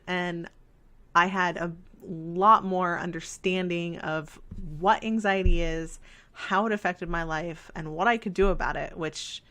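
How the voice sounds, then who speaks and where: Playing a life sim game, a woman rambles casually and pokes fun at herself as a let's play host. Her voice sits low with a fairly bright tone, and it has gone scratchy from talking.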